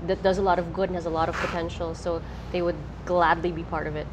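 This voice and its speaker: A woman's voice: lowish voice, flat delivery, quick pace, background noise. A woman in her thirties hosting an interview over lunch in a restaurant, asking questions and reacting eagerly. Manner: eager, frequent short reactions. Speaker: interview host. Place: restaurant table indoors.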